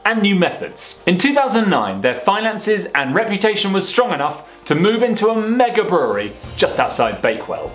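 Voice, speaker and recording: Lively young man presenting beer to camera. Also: a little high. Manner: lively, playful asides. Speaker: beer vlogger host. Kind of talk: scripted enthusiastic presenting to camera. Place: small room indoors. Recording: echoey room with light music.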